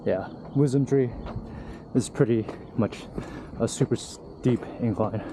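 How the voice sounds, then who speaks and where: A young man's mid-range voice takes things slowly as he hikes uphill, out of breath, chatting loosely and candidly to his camera. It's casual vlog talk recorded outdoors on a trail with clear background noise.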